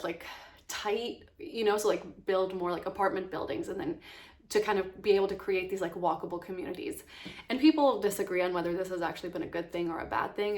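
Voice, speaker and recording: A woman from Iceland in her thirties talking casually to camera as a vlogger, chatty and full of fillers. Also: mid-range voice. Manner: chatty, many fillers, lively stresses.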